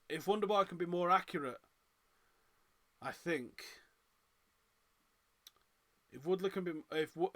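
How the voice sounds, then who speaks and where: A man with a Manchester accent hosting a live fight watchalong, giving chatty reaction commentary and reading out viewer comments. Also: a little high. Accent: Northern English, Manchester. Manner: chatty, reads out viewer comments, gets loud and excited at big moments.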